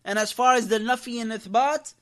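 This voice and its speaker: An imam with an extremely high, sharp voice teaches a religious class at a fairly quick pace. His impassioned lecture to the congregation is emphatic, repeating key phrases and putting rhetorical questions to his listeners.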